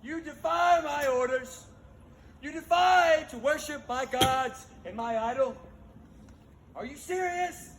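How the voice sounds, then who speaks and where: A man's voice: extremely high pitch, slow, heavily acted. A man playing a vain, petulant pagan king in a comic amateur stage pageant, bombastic and declamatory. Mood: outraged. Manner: bombastic, declamatory shouting dropping into casual asides. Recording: very noisy live outdoor pageant recording.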